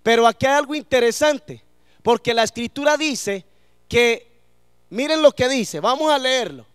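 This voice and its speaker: A man's voice: extremely high pitch, lively intonation, normal speed, smooth, dry recording, clean studio sound. A man preaching a sermon to a congregation in church, asking them questions and letting them answer.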